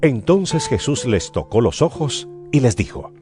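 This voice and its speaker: A man narrating a Bible reading in an expressive storytelling manner. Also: medium pitch, a little slow. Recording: music bed behind voice. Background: guitar music.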